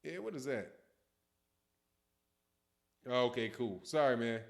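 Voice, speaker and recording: A middle-aged boxing channel host with a Chicago accent speaks slowly and expressively in a creaky, medium-pitched voice. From a dim room at home, seated at a desk with a webcam, he reads viewer comments and chats loosely in slang.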